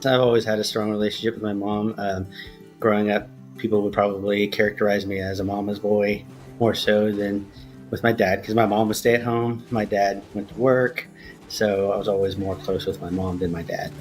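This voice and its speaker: A man's voice: lowish voice, flat delivery, moderate pace, soft background music. A man in his thirties from Texas, speaking casually in a documentary interview with frequent ums. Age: 30s. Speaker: interviewee, son.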